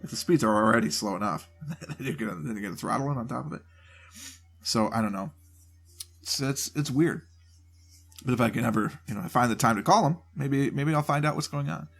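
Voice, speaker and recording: Brisk and husky with vocal fry, his mid-range voice is a bit bright and stuffed up from a cold. The gaming channel host rambles casually through a channel update into a home desk mic, voice only, interrupting himself over soft background music.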